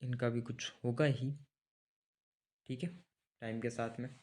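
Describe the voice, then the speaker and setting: A male teacher giving an online exam-prep class at a mid-range pitch. He talks casually and keeps asking students quick rhetorical questions. He repeats important names and dates so they stick. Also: flat delivery, a little mellow. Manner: chatty, asks students rhetorical questions, calls them brother.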